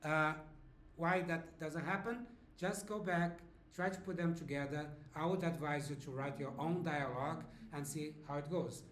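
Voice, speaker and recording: A man teaching a beginners' language lesson, speaking slowly and clearly and checking in with the learner often. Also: a little high, a bit bright, echoey room, slight background noise. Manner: slow, clear teaching with frequent check-ins.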